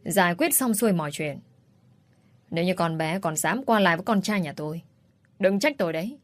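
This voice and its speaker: A woman's voice: on the low side, lively intonation, a little fast, natural voice. A woman doing a haughty, scornful rich older woman. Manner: cold, contemptuous scolding.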